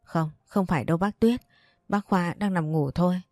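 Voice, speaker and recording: Grieving young woman, pleading and sobbing, read by a woman, warm and low, dry close recording. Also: normal speed, dry recording, natural voice.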